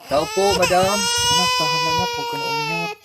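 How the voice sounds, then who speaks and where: A woman voicing a poor young father with a baby who begs loudly to be paid back, over loud background noise. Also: very high-pitched, huge pitch swings, brisk, pitched above the performer's own voice, exaggerated voice. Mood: pleading.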